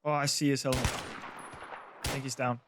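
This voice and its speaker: A man chattering excitedly with his squad during a live military game, often exclaiming. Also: medium pitch, fairly quick, heavy background noise. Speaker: player in a squad.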